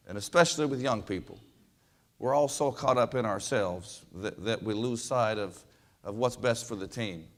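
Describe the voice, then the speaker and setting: A man from western Kansas, a basketball coach, giving a folksy storytelling speech with lots of fillers and repeated words. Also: medium pitch. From western Kansas, USA.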